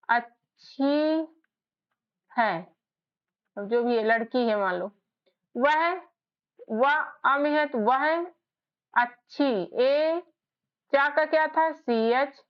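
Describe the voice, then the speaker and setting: High-voiced woman slowly spelling out names. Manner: slow, explains letter by letter. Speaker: English tutor. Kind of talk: casual spelling lesson. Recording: slightly dull lo-fi sound.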